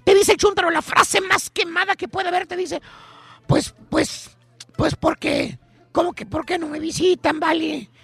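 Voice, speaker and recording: A man with a Mexican accent hosting a radio comedy bit, telling a tale in an animated, drawling way and calling his partner caballo. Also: very high-pitched, a little slow, vocal fry, no echo, soft background music. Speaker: radio show host. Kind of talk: comic radio storytelling.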